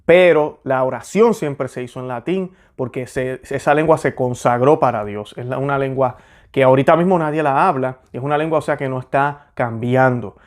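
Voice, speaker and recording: A man's voice: mid-range voice, moderate pace. Hesitant man explaining church history. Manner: hesitant, self-correcting with many fillers. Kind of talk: casual teaching talk.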